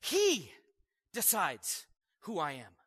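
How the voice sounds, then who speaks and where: A man's voice: high-pitched, slow pace, husky. A man preaching a conversational sermon, asking the listeners questions and chuckling as he goes. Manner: conversational and animated, asking the audience questions, laughing.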